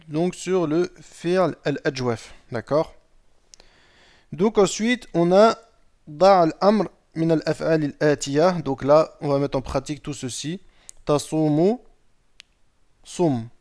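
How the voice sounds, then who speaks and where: A man teaching an Arabic grammar lesson in a slow, patient way. He explains step by step, reads Arabic sentences aloud, translates them and often checks in with "d'accord?". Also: fairly high pitch, darkish tone.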